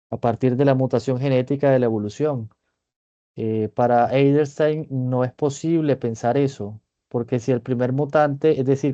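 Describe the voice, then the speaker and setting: A man presenting a clinical case in a seminar, talking it through in a measured, reflective way and often checking in with his listeners. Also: medium pitch, warm tone, no echo, highs cut off. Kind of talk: seminar lecture, thinking aloud. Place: online meeting.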